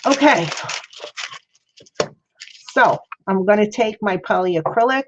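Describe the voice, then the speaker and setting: A woman's voice: medium pitch, lively intonation, slow pace, background noise. Toothless-sounding woman rambling over crafts, dull sound. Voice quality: toothless, slightly mushy articulation. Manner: rambling, thinking aloud. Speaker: craft livestream host. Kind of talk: casual chat while demonstrating crafts. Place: indoor craft worktable.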